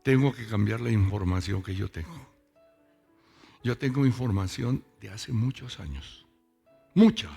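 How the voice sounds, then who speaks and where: Low gravelly pastor preaching. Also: male voice, unhurried, mellow, faint music behind. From Boyacá, Colombia. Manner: conversational, asks the congregation questions. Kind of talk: sermon. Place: church service with congregation.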